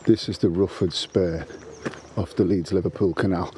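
Low mellow guy chatting outside, faint noise, lots of restarts. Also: fairly even intonation, moderate pace. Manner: rambling, with frequent restarts and fillers. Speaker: guest contributor. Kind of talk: casual walk-and-talk monologue. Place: outdoors on a canal towpath. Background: birdsong.

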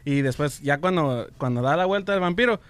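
A man's voice: fairly high pitch, animated, brisk. A man from Guatemala telling a joke on a radio show, hesitant and restarting often.

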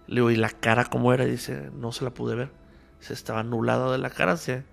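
Gravelly Mexican man telling a story. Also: medium pitch, steady tone, a little fast, faint music behind. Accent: Mexican Spanish. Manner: acts out both sides of remembered dialogue. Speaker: podcast guest telling a story. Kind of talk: casual storytelling in a podcast chat.

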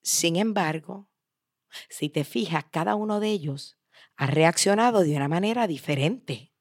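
A woman voicing a wise, patient father who teaches his daughter calmly and softly in a spoken story. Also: lowish voice, measured pace, dry recording, studio quality. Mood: gentle.

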